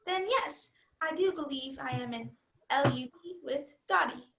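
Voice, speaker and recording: A woman's voice: sits high, normal speed, fairly bright tone, a little hiss or hum. A woman playing an earnest, dutiful robot vacuum in a scripted stage comedy, with formal robotic phrasing. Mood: shyly confiding. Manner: formal robotic phrasing, spells words out letter by letter. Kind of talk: scripted youth theater comedy acting.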